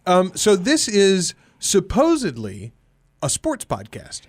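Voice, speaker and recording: Man, podcast co-host, lively pitch, bit high, dry close mic, laughs easily. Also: husky, dry recording. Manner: playful, quick to laugh, animated questioning. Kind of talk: casual chat.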